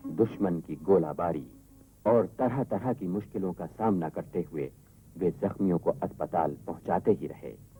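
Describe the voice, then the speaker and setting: A man giving a measured, formal documentary narration, heard from an old worn tape recording. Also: low-pitched, dark tone, faint music behind, poor audio.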